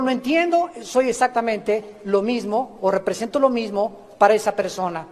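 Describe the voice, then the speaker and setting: A man delivers a sermon in a very high, ringing voice. He preaches with emphasis and slips into humorous anecdotes. The sound carries the long reverb of a large hall. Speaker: pastor.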